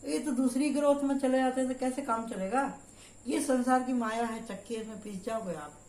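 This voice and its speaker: Loud, preachy older woman reading tarot. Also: high-pitched, normal speed, far from the mic, slight background noise. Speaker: tarot reader. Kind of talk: spiritual tarot reading with storytelling. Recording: roomy echoey room.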